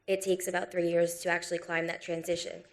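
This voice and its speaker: A woman from Long Island speaks up from the audience at a seminar. She asks her question hesitantly, in a voice that sits fairly low for a woman. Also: flat delivery, fast talker. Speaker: audience member asking a question.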